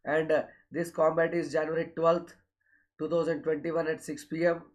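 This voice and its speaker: A man with a South Indian accent works as an online coaching teacher, announcing courses and schedules in a fairly high, flat voice at a moderate pace. He repeats himself and keeps addressing his students directly with filler okays.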